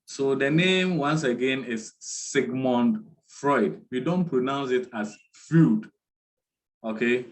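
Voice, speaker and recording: A man giving an online lecture, speaking deliberately and repeating key terms for his students. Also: medium pitch, animated, rough recording.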